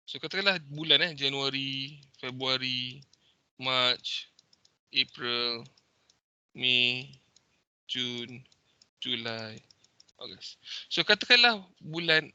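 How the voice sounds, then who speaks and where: A man's voice: on the high side, bright, forceful tone, no echo. A young man with a Malaysian accent, teaching a lesson over a video call and explaining each point step by step with many "okay"s. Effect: heard over a video call meeting recording. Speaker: instructor. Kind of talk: teaching over a shared screen, mixing English and Malay. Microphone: computer mic on a video call.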